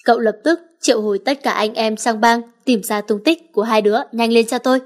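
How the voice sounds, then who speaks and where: A woman's voice: a little high, steady tone, brisk, close to an everyday voice. A woman reading a stern commanding young man. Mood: urgent. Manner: commanding, icy.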